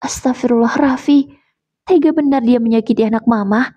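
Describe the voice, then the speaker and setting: A woman's voice: a little high, moderate pace, warm tone, pitched above the performer's own voice, natural voice. A woman voicing a talkative, doting mother who scolds lovingly. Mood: shocked.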